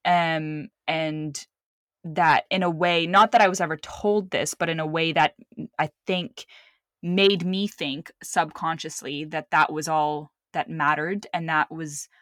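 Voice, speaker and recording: She's a young filmmaker guest from the Middle East, Saudi-born and Lebanon-raised, with a deep voice, fairly even intonation and a measured pace. Her conversational storytelling is candid and rambling, full of restarts and self-corrections, and she acts out quoted voices. The tone is fairly bright, studio quality, with no echo.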